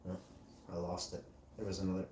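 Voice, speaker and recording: A man's voice: low-pitched, completely flat delivery, darkish tone, far from the mic. A man chats on his livestream, stumbling through text he reads aloud and drifting off into loose musings. He sits back from the mic in an echoey room with a faint hiss underneath. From Icelandic and German parentage. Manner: rambling, reads aloud haltingly and muses between lines. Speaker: livestream host. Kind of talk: casual livestream chat, reading aloud.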